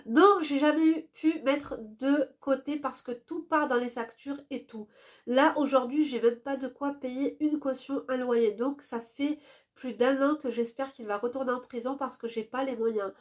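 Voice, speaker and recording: Nasal woman with a head cold. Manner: drops to a soft, low voice for quick asides. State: stuffy nose from a cold. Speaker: YouTuber reading a viewer's letter. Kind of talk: reading a letter aloud with casual commentary.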